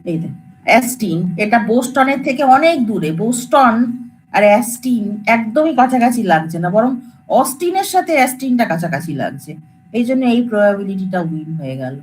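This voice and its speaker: A woman's voice: fairly high pitch, sing-song, a little fast, a little hiss or hum, poor audio. Casual woman lecturer. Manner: casual, coaxing, addresses students familiarly. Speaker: computer science lecturer. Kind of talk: informal classroom lecture.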